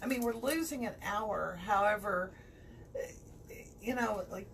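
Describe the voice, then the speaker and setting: A woman's voice: medium pitch, measured pace, gravelly, a bit bright. A woman hosting a casual, chatty interview and putting questions to her guest. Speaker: interviewer, host. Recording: distant mic, faint background noise.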